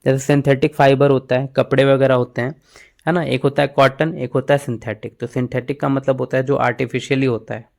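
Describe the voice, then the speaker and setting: Guy teaching vocab in hindi, mid pitch, keeps saying ok to check ur following. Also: little pitch movement, a little fast, creaky. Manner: explains words in Hindi mixed with English, memory tricks, frequent "ठीक है". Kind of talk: exam-prep vocabulary lesson.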